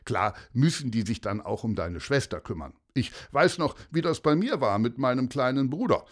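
A man voicing a kindly, calm police inspector in a children's story, explaining things patiently to a child. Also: medium pitch, moderate pace, close to an everyday voice. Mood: gentle. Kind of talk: storybook voice acting.

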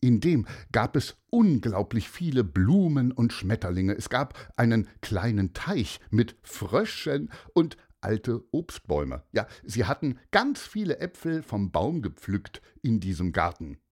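Slow, expressive children's story narrator, a man. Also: mid-range voice, slightly rough. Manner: expressive, playful storytelling with asides.

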